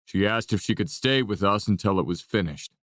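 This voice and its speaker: A woman voicing a weary, gruff grown man in an audiobook, speaking low, tired and clipped. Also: fairly quick, dry recording, clean studio sound. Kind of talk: audiobook narration.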